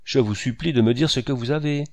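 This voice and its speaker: A man's voice: medium pitch, a little mellow, pitched above the performer's own voice, close to an everyday voice. A man voicing a flustered chattering old society lady. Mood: fussy gushing. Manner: rushed, piling up phrases, repeating herself.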